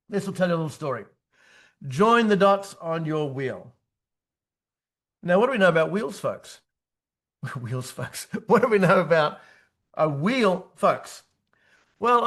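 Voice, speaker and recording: A man in his fifties delivers a motivational business talk with a fairly high voice. He speaks in short, punchy bursts, repeating key words and tossing in "right?" to keep the audience engaged. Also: a bit bright. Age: 50s. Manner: punchy, repetitive, tag questions like "right?". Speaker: business coach presenting his book. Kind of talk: motivational presentation to accountants.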